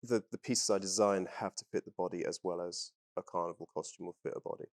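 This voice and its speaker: Deep-voiced man, rambling and relaxed. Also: fast talker. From Trinidad and England. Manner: relaxed, rambling with many ums and restarts. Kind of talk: casual interview talk.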